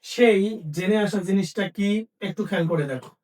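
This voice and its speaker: Man, teacher, high voice, exam-prep lesson, asks and answers himself, repeats points, distant mic. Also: brisk, darkish tone.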